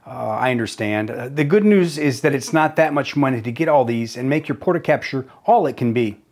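A man in his fifties giving a casual product tutorial, haltingly thinking aloud as he demonstrates. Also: mid-range voice, expressive, darkish tone. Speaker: tutorial presenter. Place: small home office room.

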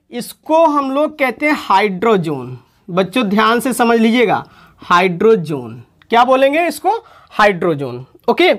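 A woman chemistry teacher giving an online lesson, calling her students children and repeating each term for emphasis. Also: a little high.

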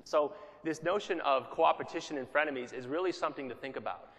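A fast-talking man with a somewhat high, slightly bright voice gives a conversational conference keynote, repeatedly asking the audience "right?". The long reverb of the hall carries his words.

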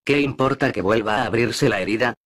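A man's voice: mid-range voice, a little fast, a bit bright, dry recording, clean studio sound, lightly acted. A man voicing a wounded, bitter naval captain in an audiobook, with a gloomy, brooding delivery.

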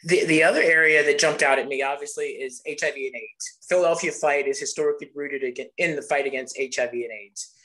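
A man's voice: on the high side, a little fast, sharp tone, poor audio. A man hosting a webinar interview, asking conversational questions and often stammering on repeated words. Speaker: interview host.

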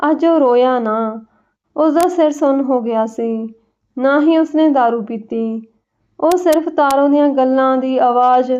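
A woman narrating an emotional village family story in a steady, feeling storybook reading. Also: high-pitched, clean tone. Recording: dull lo-fi recording.

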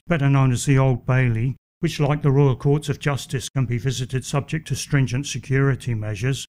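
A man giving scripted walking-tour narration, measured with a dry wit. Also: medium pitch, a little mellow.

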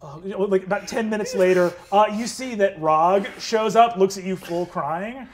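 A man narrating as the game master of a tabletop role-play, animated and often laughing. His voice sits very high for a man, and laughter from the players rings out clearly around him. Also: moderate pace, a crowd in the background.

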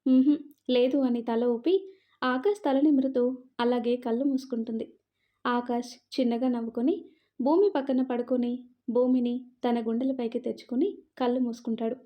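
A woman storyteller narrating a romance story in a calm, even manner on a slightly muffled recording. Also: fairly high pitch.

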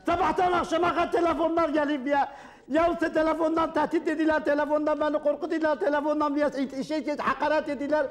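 A man's voice: extremely high pitch, level tone, fast. A man playing himself as a comedian in a sketch, whining and complaining, often laughing through his lines. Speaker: comedian guest.

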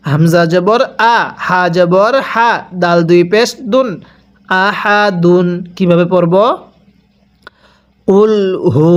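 A man with a high, smooth, resonant voice leads a recitation lesson. He spells out letters and vowel marks one by one and stretches recited words long and slow. His explanations in between come quick and plain. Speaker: Quran reading teacher.

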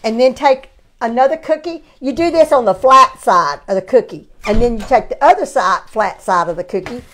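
A woman hosting a casual cooking demonstration in her home kitchen, chatty and halting with many restarts. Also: fairly high pitch, lively intonation, fairly bright tone, slight background noise. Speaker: cooking show host.

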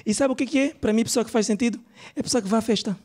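A man's voice: extremely high pitch, rapid-fire. A man playing a brash, gossipy Angolan woman. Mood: chatty. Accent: Angolan Portuguese. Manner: chatty, animated storytelling. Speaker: stand-up comedian. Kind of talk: stand-up character bit. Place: comedy club stage.

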